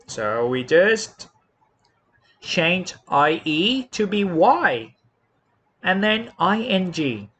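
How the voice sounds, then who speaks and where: A man with a Thai accent teaches English spelling rules at a very slow, deliberate pace. His voice sits fairly high and swings widely in pitch as he repeats each word and spells letters out. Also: a bit bright, husky. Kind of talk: slow classroom explanation.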